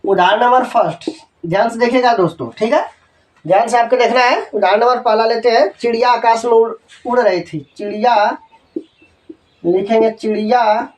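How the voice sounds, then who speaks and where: Recorded roughly from a distant mic, a man with an extremely high, fairly even, slightly mellow voice gives a Hindi-medium English grammar lesson. He dictates example sentences slowly, spells words letter by letter, and checks that students are following.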